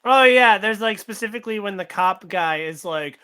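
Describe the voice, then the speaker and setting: A man chatting casually as a film reviewer, his voice very high-pitched and squeaky from inhaled helium. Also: moderate pace, sharp tone, smooth. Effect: voice raised by inhaled helium.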